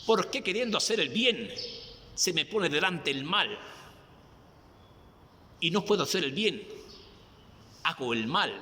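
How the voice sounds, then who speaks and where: A male preacher giving a devotional reflection on a Bible passage, with slow, emphatic pleading questions. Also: on the high side, expressive, sharp tone, long reverb tail, a little hiss or hum.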